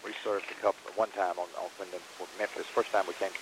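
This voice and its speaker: A man with a Southern US accent, answering interview questions in a halting way, repeating words and using many fillers. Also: sits low, flat delivery, background noise. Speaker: interviewee, round dance teacher. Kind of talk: casual interview.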